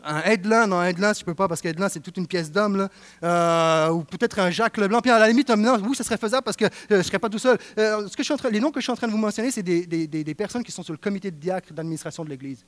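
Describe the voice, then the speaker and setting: A man preaching a sermon with a Quebec French accent, swinging from hushed passages to fervent exclaiming. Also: high voice, racing, dry recording. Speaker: pastor.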